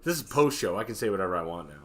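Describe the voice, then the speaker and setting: A man's voice: fairly low pitch, animated, racing, a bit bright, breathy edge. A man co-hosting a casual post-show podcast chat, laughing often, swearing and slipping into mock-angry quoted voices. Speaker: podcast co-host.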